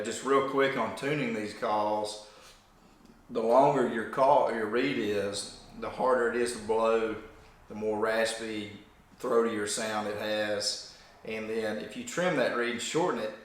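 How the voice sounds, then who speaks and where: This duck call demonstrator has a mid-range, somewhat bright voice and walks through his hunting calls in a relaxed, down-home manner. His recording carries heavy room echo.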